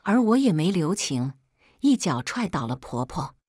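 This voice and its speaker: A woman narrating a first-person story in a steady, cool storytelling manner. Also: fairly low pitch, a little slow, slightly rough, dry recording, studio quality.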